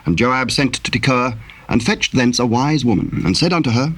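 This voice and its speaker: A man with a husky voice narrating scripture in a solemn, formal storytelling style with archaic language. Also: mid-range voice, moderate pace, a bit bright.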